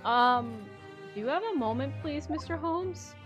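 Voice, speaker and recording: In a fan dub of a game, a woman voices a young male lawyer who is polite and earnest but quick to get exasperated. Her voice sits high and animated, with game music playing behind.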